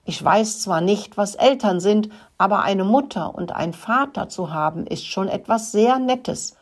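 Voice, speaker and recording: A woman voicing a clueless, quick-tempered young male rat in a storybook reading, whiny and grumbling. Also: medium pitch, husky. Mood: plaintive. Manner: whiny, grumbling, gets loud.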